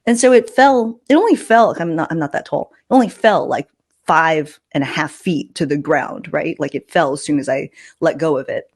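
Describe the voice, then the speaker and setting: Here a female podcast host with a low, slightly rough voice speaks at a moderate pace. She's telling personal stories casually, emphatic and full of jokes on the side.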